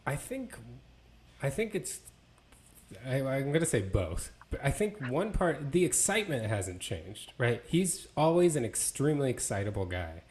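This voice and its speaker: A man's voice: mid-range voice, sing-song, unhurried, darkish tone. A man co-hosting a casual sports podcast, talking in a loose, conversational way full of fillers and restarts. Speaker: podcast co-host.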